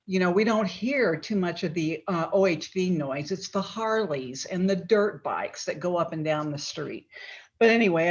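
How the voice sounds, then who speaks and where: Chatty woman on a muffled call. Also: fairly low pitch. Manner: rambling, with many ums and a chuckle. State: talking while eating. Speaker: resident speaking at a town forum. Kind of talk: casual public comment. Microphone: home computer mic on a video call. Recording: muffled lo-fi video call audio.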